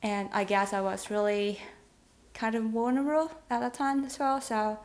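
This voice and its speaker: A thirty-year-old Taiwanese woman, a native Mandarin speaker with a Taiwanese accent, hosts a casual vlog chat in a giggly, hesitant, conversational way. Her voice sits a little high, with a steady, darkish tone at a normal speed.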